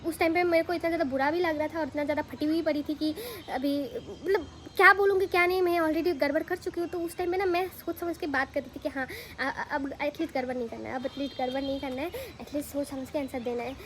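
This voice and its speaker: A young woman from Assam, India, speaking in a high voice, tells a personal story as a vlogger in a lively, conversational way, often turning to the listener with quick rhetorical questions. Background hiss is clearly present.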